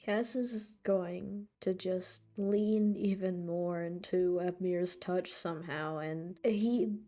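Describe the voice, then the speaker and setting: A woman's voice: fairly low pitch, slow, mellow, faint music behind. A woman playing a tabletop game who narrates her character's actions in a casual, hesitant way, with many fillers. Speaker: player.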